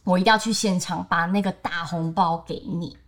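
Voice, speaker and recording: A woman's voice: fairly low pitch, steady tone, a little fast. A young woman in her twenties with a Taiwanese Mandarin accent, co-hosting a podcast and telling a story in casual chat, quoting her friends in livelier voices. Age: 20s. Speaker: podcast co-host.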